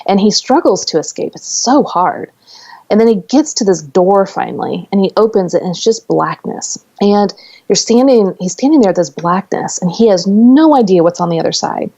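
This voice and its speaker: A woman's voice: mid-range voice, animated, moderate pace, dark tone, dull audio. A woman speaking as a podcast guest, talking earnestly in conversation and explaining with stories. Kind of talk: conversational interview.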